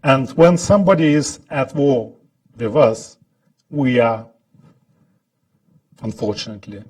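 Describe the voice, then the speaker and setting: A man from Lithuania with a Lithuanian accent, giving deliberate, halting remarks as a scholar on a panel, often clearing his throat. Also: mid-range voice, lively intonation, darkish tone, distant mic, poor audio. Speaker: think-tank scholar, panel speaker. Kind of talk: prepared remarks at a panel talk.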